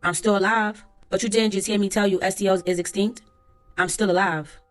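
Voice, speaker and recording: In a steady, mid-range, natural voice, a woman reads a court transcript as a young male witness would speak it. The delivery is plain and unhurried and heavy with street slang, with faint music audible behind her.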